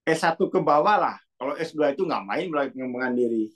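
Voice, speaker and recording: A fast-talking, animated man with a fairly high voice muses in Muna about consciousness and self-development. The talk is a casual, reflective monologue in which he often corrects himself and wanders into asides.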